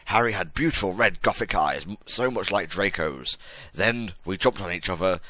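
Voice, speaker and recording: A man's voice: sits low, expressive, normal speed, sharp tone, dry recording. A man giving a comic dramatic reading of a story in a hammy, theatrical stage-actor manner with exaggerated emphasis. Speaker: reader of a fan fiction story.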